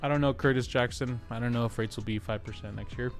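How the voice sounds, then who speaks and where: A man's voice: medium pitch, steady tone, fast, faint music behind. A man hosting a casual real estate livestream, joking and chatty as he reads viewer comments aloud.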